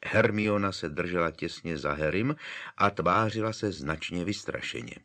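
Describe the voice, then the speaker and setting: A man narrating an audiobook in a calm, even storytelling manner. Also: deep voice. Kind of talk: scripted narration.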